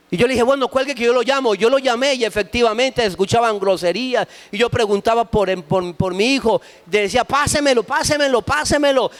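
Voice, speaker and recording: A middle-aged man, preaching a sermon as pastor with impassioned storytelling that rises at times to shouts. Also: very high-pitched.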